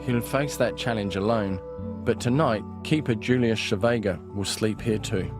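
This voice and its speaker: A man narrates a wildlife story in nature documentary style. His voice is fairly low, and he reads scripted lines. Music plays clearly behind him. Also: normal speed.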